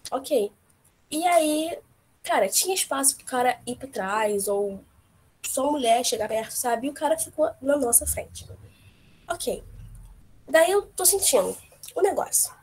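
Young woman, has a cold, slightly high voice, blunt, lively, casual personal account. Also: husky. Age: young adult. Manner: lively, blunt, fillers like "sabe" and "tipo". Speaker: workshop participant.

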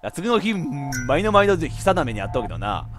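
A man playing a horror game, giving joking running commentary and breaking into sudden shouts. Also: on the high side, sing-song, fairly quick, faint music behind. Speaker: VTuber game streamer.

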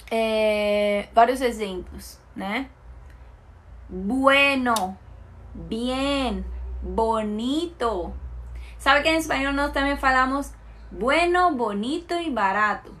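A Colombian woman, a native Spanish speaker, runs a live language class. She talks slowly and patiently, repeating each word so students can copy it. Her voice sits a little higher than most women's. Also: fairly bright tone. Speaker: Spanish teacher. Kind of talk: live online language lesson.

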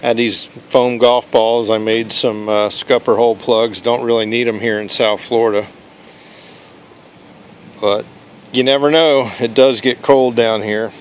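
A man walking through his homemade kayak fishing setup outdoors in a relaxed, plain-spoken way, pausing often with "uh". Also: mid-range voice, slight background noise. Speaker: kayak angler showing his gear. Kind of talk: casual show-and-tell walkthrough. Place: outdoors on a paved driveway.

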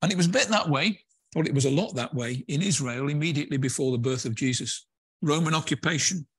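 A man's voice: on the high side, fast talker, husky, dry recording. A man preaching a conversational sermon in a church, with hesitant fillers and restarts. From England.

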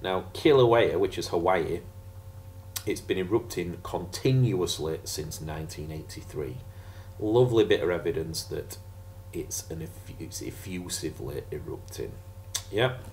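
A man's voice: deep voice, animated, unhurried, a little mellow, slight background noise. A man teaching a casual geography revision lesson over slides, chatty and jokey with sarcastic asides.

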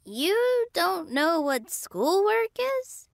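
Sassy young girl, very high, lively, blunt. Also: very slow, creaky, no room sound, clean studio sound, heavily acted. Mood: bossy. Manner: blunt, teasing.

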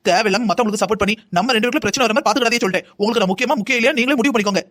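A voice actor playing an angry middle-aged mother in a cartoon drama, scolding in a rapid-fire way. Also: mid-range voice, fairly bright tone, close to an everyday voice. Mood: furious. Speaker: bride's mother.

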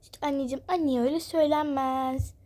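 A woman's voice: high voice, fairly even intonation, fast, darkish tone, lightly acted. A woman voicing a patient, soothing mother in a game role-play, coaxing her child.

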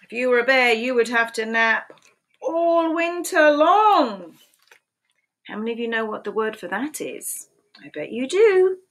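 A woman in her sixties reads a picture book to young children, asking them questions in a sing-song storytelling voice. Her voice is a little high, animated and fairly bright, and she goes a little slowly. The setting is a small room at home, with a webcam on her desk doing the recording.

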